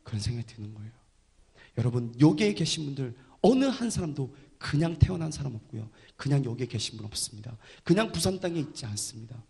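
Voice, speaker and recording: A man preaching a sermon and telling his story with drama, dropping from loud to hushed. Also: medium pitch, big pitch swings, fast talker, creaky. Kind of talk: sermon testimony.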